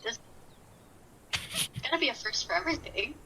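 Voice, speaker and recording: A woman's voice: high voice, lively intonation, normal speed, a crowd in the background. A woman in a casual online tabletop roleplay chat, heard as a delayed echo repeating her own earlier words.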